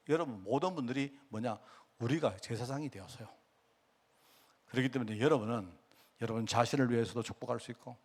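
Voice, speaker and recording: A pastor preaching a sermon. He asks the congregation many rhetorical questions and acts out the dialogue he quotes. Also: medium pitch.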